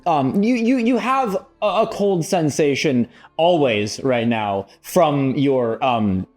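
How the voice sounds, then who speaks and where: A man's voice: a little high, animated, slow, a little mellow, faint music behind. A man running a tabletop game as game master, improvising narration and playful banter. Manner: playful, jokey.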